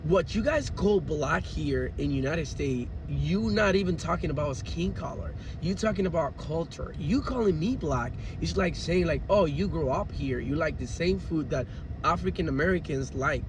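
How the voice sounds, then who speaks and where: A man's voice: fairly high pitch, animated, normal speed, noisy background. A man from the Republic, speaking bluntly and emphatically in a casual rant to the camera outdoors. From Dominican Republic. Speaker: content creator.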